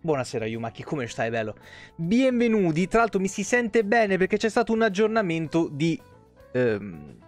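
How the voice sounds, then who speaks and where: A man's voice: high-pitched, big pitch swings, normal speed. Chatty Italian streamer man, sore throat. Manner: chatty, greets viewers by name, swears freely. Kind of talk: casual live-stream chat. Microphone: headset. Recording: faint music behind.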